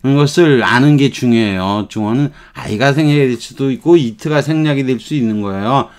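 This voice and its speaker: A man's voice: medium pitch, clean tone. A man giving an English lesson, explaining phrases patiently and repeating them over and over. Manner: unhurried, repeats phrases, drifts between Korean and English. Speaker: English teacher.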